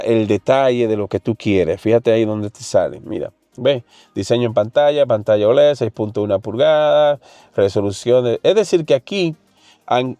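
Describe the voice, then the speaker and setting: A man's voice: mid-range voice, warm tone, dry recording. A man hosting a casual tech channel, chatting straight to viewers while demonstrating on his phone. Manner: chatty, addresses the viewer directly with frequent fillers.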